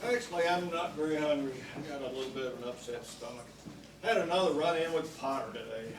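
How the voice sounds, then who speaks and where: A man acting a weary, gentle middle-aged father in a community theatre play, recorded from far off on stage. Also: fairly high pitch, fast, lightly acted. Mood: weary, patient. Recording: distant echoey stage recording, clear noise.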